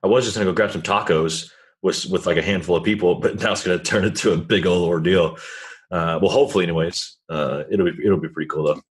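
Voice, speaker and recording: A man's voice: sits low, fast. A man hosting a podcast, chatting in a laid-back, easygoing way and laughing easily. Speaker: podcast host. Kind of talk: casual interview chat.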